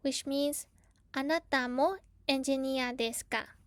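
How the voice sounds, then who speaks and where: A woman teaching grammar to learners, patient, repeating phrases slowly and checking in often. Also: high voice, steady tone, no room sound. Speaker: Japanese teacher.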